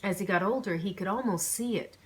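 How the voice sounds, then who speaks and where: Briskly and in a mid-range voice, a woman who writes novels and hosts a channel opens with casual vlog chatter, then shifts into narrating her own book as an audiobook, all in an informal storytelling style.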